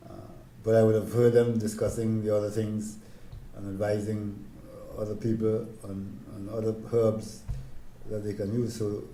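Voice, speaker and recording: An older man with a Tobagonian accent speaks in a very soft-edged, dark and relaxed voice. He reflects on life calmly and gently, choosing words with deliberation. The recording is roomy, with noticeable echo. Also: on the low side, normal speed, slight background noise. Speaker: interviewee, village elder sharing memories. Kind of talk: reflective interview reminiscence. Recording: roomy, echoing interview recording.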